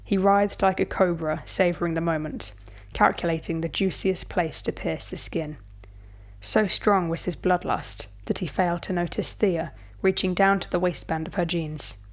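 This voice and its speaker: Female storyteller, lower voice, measured and dramatic horror narration. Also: steady tone.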